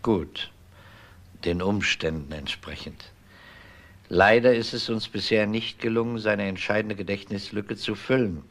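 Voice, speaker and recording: In a crime radio drama, a man acts the part of a dogged, no-nonsense police detective who questions people in a probing, matter-of-fact way. His voice sits lowish with a slightly bright edge, and he speaks at a measured pace. The mood stays sober and matter-of-fact.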